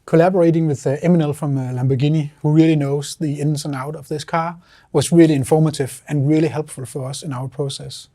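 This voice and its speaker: Mellow, fairly high-voiced man. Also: fairly even intonation, a little fast. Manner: fluent, appreciative explaining. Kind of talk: interview clip.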